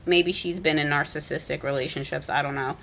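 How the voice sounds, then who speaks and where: A woman's voice: sits low, fairly even intonation, brisk, vocal fry, fairly bright tone, a little hiss or hum. A woman, a parent, giving a frank, opinionated casual commentary on a children's book, full of "like" and "you know.".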